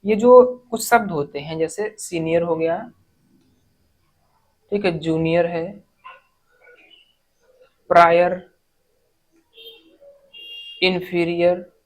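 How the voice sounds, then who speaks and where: Woman teaching grammar, low voice. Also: steady tone, darkish tone, poor audio. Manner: reads English sentences slowly word by word, then explains. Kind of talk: exam-prep lesson explaining errors.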